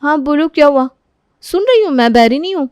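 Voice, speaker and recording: A woman's voice: sits high, expressive, fairly quick, darkish tone, voice pushed up. A woman voicing a stubborn, sulky teenage girl in a cartoon who answers snappily and defensively. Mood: impatient.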